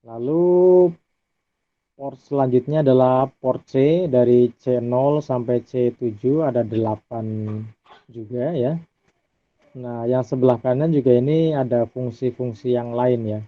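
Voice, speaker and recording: A man giving a relaxed recorded lecture over slides, often tagging his sentences with a questioning "ya". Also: mid-range voice, measured pace, no echo. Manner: relaxed, adds tag "ya" often. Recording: dry, phone-like audio.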